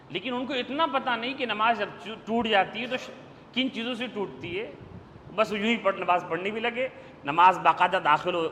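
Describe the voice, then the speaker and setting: A male preacher gives a sermon with a high, bright voice, pressing his listeners hard and slipping into slow Arabic recitation. His voice carries a long hall reverb over a faint background hiss. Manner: forceful exhortation with Arabic verse recitation. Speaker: maulana preacher. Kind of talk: Urdu sermon.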